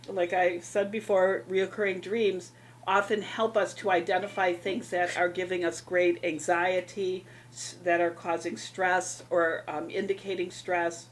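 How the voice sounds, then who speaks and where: A woman hosting a dream interpretation talk, explaining in a measured way. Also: lowish voice, a little hiss or hum. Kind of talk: counseling interview.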